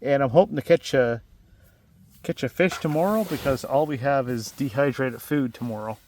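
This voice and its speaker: A man's voice: medium pitch, normal speed, darkish tone, a little hiss or hum. A man vlogging casually at a campsite, joking and playfully boastful. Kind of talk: casual camping vlog chat. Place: outdoors at a backcountry campsite.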